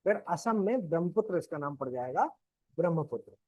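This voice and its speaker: A male teacher with a Hindi accent lectures his class, his voice a little husky and mellow, sitting slightly higher than most men's. He works through the material step by step, keeps checking in with his students and asks them questions. The recording is dry and dull, like a lo-fi classroom capture. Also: animated, a little fast, no room sound. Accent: Indian Hindi.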